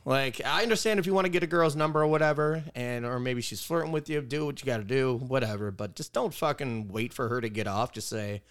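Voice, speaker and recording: A man's voice: medium pitch, brisk, few pauses, a bit bright, smooth. A young man, co-hosting a podcast with rambling, casual, swearing talk. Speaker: podcast co-host. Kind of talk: casual chat.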